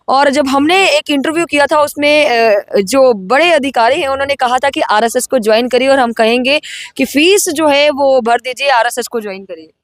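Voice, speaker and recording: A woman's voice: high voice, dry recording, studio quality. A woman anchoring a news interview and putting pointed questions to her guest.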